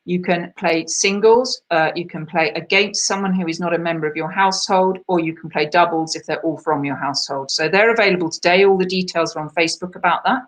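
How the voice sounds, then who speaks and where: A woman's voice: fairly low pitch, brisk, few pauses. A woman hosting an online quiz over a video call, reading out the answers in a chatty, self-deprecating way and laughing at herself. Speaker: quiz host.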